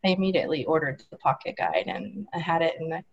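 Over a remote call, a woman guest who organizes a support group speaks in a low, sing-song, slightly rough voice, talking fast, with the high frequencies cut off. In this casual interview she sounds earnest and enthusiastic, often letting her sentences trail away.

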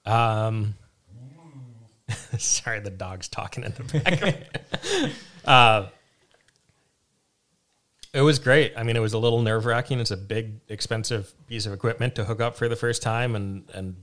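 A somewhat low-pitched man talks casually about his farm work as an interview guest. He hesitates often, trails off and restarts his sentences, with an easygoing, unhurried manner. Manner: relaxed, hesitant with many fillers and restarts, laughs easily. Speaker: vegetable farmer guest.

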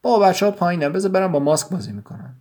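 An angry sixth-grade boy, as a male narrator puts him on, his voice pushed up high and tight. He pleads and accuses in a bitter, tearful rush, straight out of a spoken audio story. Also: very animated, darkish tone. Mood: pleading, resentful.

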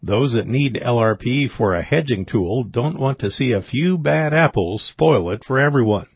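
Husky male commentator, dry recording. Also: mid-range voice, no room sound. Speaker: market report presenter. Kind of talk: scripted radio commentary. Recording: dry, slightly dull audio.

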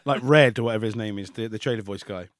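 A man's voice: on the low side, fast talker, no echo, clean studio sound. A man co-hosting a film podcast in casual chat, wry and joking. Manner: wry, joking, laid-back. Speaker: podcast co-host.

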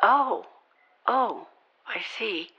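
A woman's voice: fairly high pitch, very animated, a little slow. A woman playing an overly eager church call-center agent with syrupy, salesy patter in a radio play. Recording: dull lo-fi sound.

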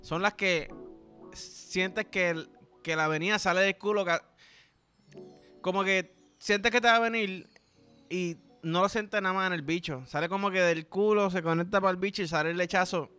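A man's voice: high-pitched, steady tone, normal speed, pushed and bright, clear, resonant tone, faint music behind. A young man with a Puerto Rican accent hosting a casual comedic podcast. He rambles in a crude, playful way and keeps checking in with the listener. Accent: Puerto Rican Spanish. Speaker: podcast host.

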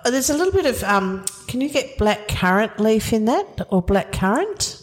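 A woman leading a casual wine tasting, chatty and knowledgeable, explaining flavours with quick laughs. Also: on the high side, very animated, rough recording. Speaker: wine educator.

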